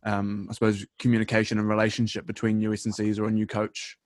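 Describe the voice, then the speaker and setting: A man's voice: on the low side, completely flat delivery, fast, no room sound, clean studio sound. A young man with a New Zealand accent hosting a casual interview in an informal, matey way. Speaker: interviewer, host.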